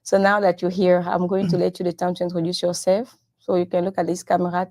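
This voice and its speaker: A woman whose first language is French hosts a casual live-streamed chat, interviewing in a low, gravelly voice with a dark, mellow tone. Her delivery is flat, unhurried and halting, and she switches between English and French.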